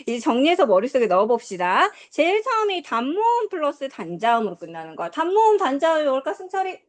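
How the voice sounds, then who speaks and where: A woman teaching English to a class, drilling pronunciation and quizzing her students in a lively, coaxing way. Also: high-pitched, fast talker. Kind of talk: classroom lesson.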